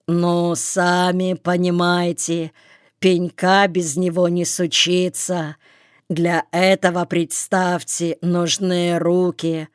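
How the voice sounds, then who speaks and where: A woman's voice: fairly low pitch, level tone, slow pace, clean tone, no echo, clean studio sound. A woman doing a worldly old tailor spinning a tale. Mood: confiding. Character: seasoned old male tailor telling a tale.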